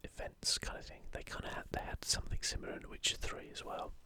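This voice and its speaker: Unhurried and hushed, the ASMR host offers wandering asides in a gentle, breathy whisper with no voiced sound.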